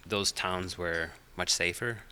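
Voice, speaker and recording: A middle-aged man from Finland, a podcast guest whose first language is Finnish, chatting in a relaxed, hesitant way with many fillers. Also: deep voice, slow pace, a little hiss or hum. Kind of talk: casual interview chat.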